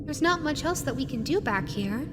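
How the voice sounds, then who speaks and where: At a brisk, animated clip, a woman with a high voice plays a sweet and teasing female animatronic fox designed for children, talking intimately to the listener in roleplay. She coos playfully and coaxingly, then drifts into wistful musing. The audio is very noisy, with music and a long reverberant hall echo.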